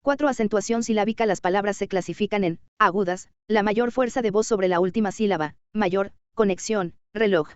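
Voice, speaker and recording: Smooth, dry-voiced woman reading a lesson. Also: mid-range voice, dry recording, highs cut off. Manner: measured, reads word examples slowly. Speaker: teacher. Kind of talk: scripted lecture narration.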